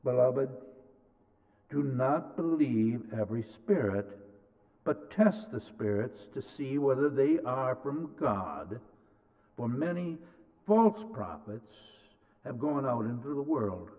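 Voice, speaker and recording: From a pulpit, a middle-aged man with a mid-range voice reads scripture slowly and deliberately yet with animation. Picked up by the pulpit mic and a far camera, his voice sounds tinny and narrow like a phone line, and a long reverb trails each phrase through the church sanctuary.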